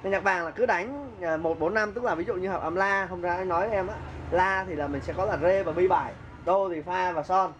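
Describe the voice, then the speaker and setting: A man's voice: sits high, fairly quick, a bit bright, muffled recording, a little hiss or hum. A man giving a casual keyboard lesson, chatty, counting beats aloud and humming melodies as he plays. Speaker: music teacher. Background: keyboard playing.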